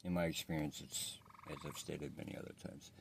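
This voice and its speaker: A man speaking without his teeth, slightly slurred, in a reflective, halting, rambling confessional monologue as a vlogger in addiction recovery. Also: little pitch movement, noisy background. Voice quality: toothless, slightly slurred speech from not wearing his teeth; very deep, gravelly, husky. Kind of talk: casual confessional monologue to camera.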